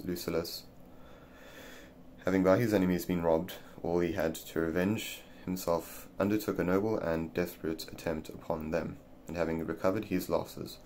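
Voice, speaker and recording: Deep male reader, halting delivery with restarts, slight room hiss. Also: a little mellow. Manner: stumbling, repeating words as he reads. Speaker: reader of a classic essay. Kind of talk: reading an old text aloud.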